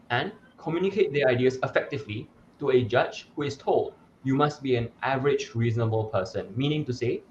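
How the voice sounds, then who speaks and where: A man's voice: mid-range voice, dull audio, a little hiss or hum. A young man from Malaysia, a debate coach, answering interview questions in an articulate, explanatory way with some fillers and restarts. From Malaysia (Sarawak).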